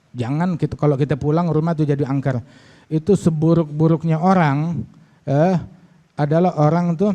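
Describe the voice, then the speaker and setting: A middle-aged man preaches in a relaxed voice that sits a little high. His tone is mellow, and he tells funny stories with lively acted-out voices for the people in them. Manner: animated storytelling, acts out voices. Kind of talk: humorous religious talk.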